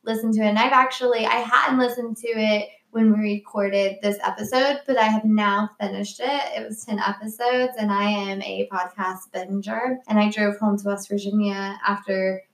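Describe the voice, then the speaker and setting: A woman's voice: mid-range voice, fairly even intonation, moderate pace, gravelly, hardly any pauses. A woman co-hosting a podcast, chatting in an upbeat, casual way. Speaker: podcast co-host. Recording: roomy echo.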